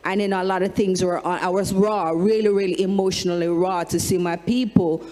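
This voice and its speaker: A Jamaican woman, a singer on a discussion panel, telling animated stories and breaking into sung lines. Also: fairly low pitch, a little fast. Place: large hall with an audience. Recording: long hall reverb.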